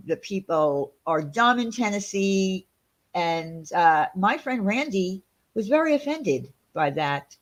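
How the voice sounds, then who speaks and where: A medium-pitched woman with a Long Island New York accent hosts a casual livestream, reading the chat and rambling indignantly with plenty of fillers.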